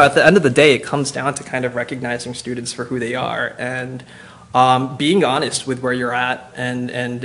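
A man's voice: medium pitch, a bit bright, slight background noise. A young man from New Jersey, a teacher and talk show guest, speaking earnestly and articulately with frequent ums.

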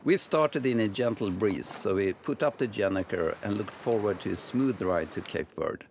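A middle-aged man from the Swedish mountains, a sailor and vlogger and native Swedish speaker, narrates a scripted travel story in English with a Swedish accent. His voice is on the low side, with lively intonation and moderate pace. It's a voice-over with music behind it and slight background noise.

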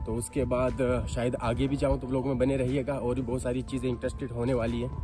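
A man's voice: mid-range voice, little pitch movement, fast, music in the background. A young man narrating a casual travel vlog, chatting to his viewers while holding his phone at arm's length, outdoors and in a small cafe. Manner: chatty, addresses viewers as guys. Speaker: travel vlogger. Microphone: phone camera at arm's length.

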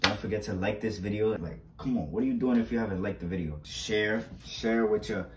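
In a laid-back unboxing vlog, a young man rambles in slang, repeats himself and pleads for likes, speaking in a lowish voice at a slightly fast clip. The audio comes from a stationary camera a short distance off in a small room, sounding roomy and distant, with a little background noise.

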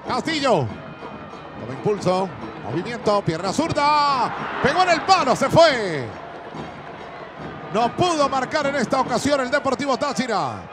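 A man with a very high voice commentates football penalties play by play. He stretches his goal calls into long cries. A crowd roars and music plays under the broadcast. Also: very animated. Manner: builds to long drawn-out goal shouts.

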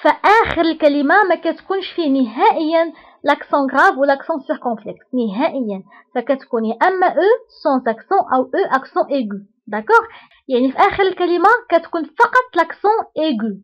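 A woman's voice: sits high, lively intonation, fast talker, lo-fi sound. A woman with a Moroccan accent teaching a lesson, patiently repeating each example word and checking that learners follow. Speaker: French teacher. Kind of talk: online lesson explanation.

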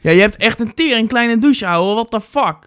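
A man doing casual joking commentary as a YouTuber, playful and self-mocking, swearing and tossing in English phrases, sometimes breaking into loud shouts. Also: very high voice, expressive, moderate pace, smooth. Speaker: YouTuber reacting to fan posts.

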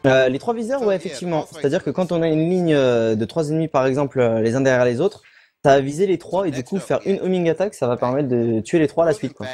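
Dark-voiced hesitant male game commentator. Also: a little high, expressive, quick pace, soft background music. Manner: casual, hesitant, searches for words. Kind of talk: live speedrun commentary.

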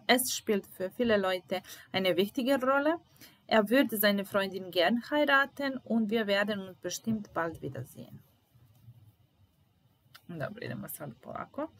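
Woman teaching German slowly. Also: mid-range voice, a bit bright, poor audio. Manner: slow, deliberate repetition of phrases. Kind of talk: language lesson, translating sentences aloud.

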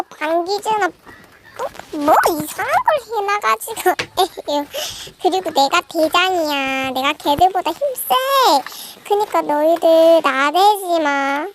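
A woman's voice: very high voice, noisy background, pitched above the performer's own voice, heavily acted. A young female voicing a bossy, arrogant schoolgirl bully leader who scolds and threatens her juniors. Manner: scolding, demanding, then shouting. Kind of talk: amateur role-play skit.

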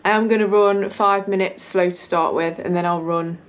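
Here the running vlogger's voice sits lowish, steady and at normal speed. She's a young British woman in a house hallway, chatting casually and self-deprecatingly to a camera propped nearby or held at arm's length.

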